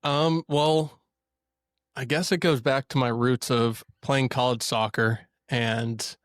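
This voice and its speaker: A man's voice: medium pitch, fairly even intonation, slow, dry recording, studio quality. A man from Missouri, a podcast guest who talks casually and tells stories with easy laughs. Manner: chatty, laughs easily, storytelling. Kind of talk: casual conversation.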